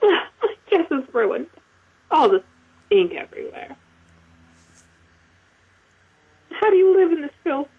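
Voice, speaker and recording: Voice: sits high, very animated, normal speed, narrow, tinny audio. A roleplayer playing a pampered, scared captive young woman who complains dramatically. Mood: disdainful.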